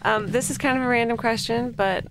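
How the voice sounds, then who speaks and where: A woman hosting a radio interview, upbeat and quick with short affirmations. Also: a little high, fairly even intonation, background noise. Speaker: radio host.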